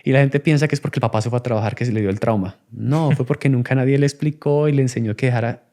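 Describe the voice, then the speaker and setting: A man's voice: mid-range voice, steady tone, quick pace, warm tone. A man, talking in a reflective, conversational way as a podcast guest, acting out children and parents in his examples. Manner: acts out child and adult voices in examples.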